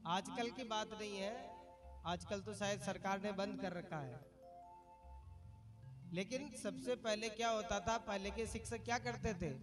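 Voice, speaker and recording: A man's voice: sits high, steady tone, measured pace, music in the background. A man preaching a devotional story sermon to a gathered audience, often putting questions to the listeners in a chatty storytelling way. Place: religious gathering before an audience.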